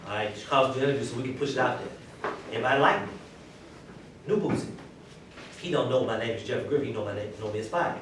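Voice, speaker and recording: A male teacher with a Southern US accent talks to a class in a conversational storytelling way. He sounds distant in a very echoey room with clear background noise. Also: medium pitch, fast, pauses often. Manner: conversational storytelling, checks in with listeners. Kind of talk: informal classroom talk. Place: indoor classroom.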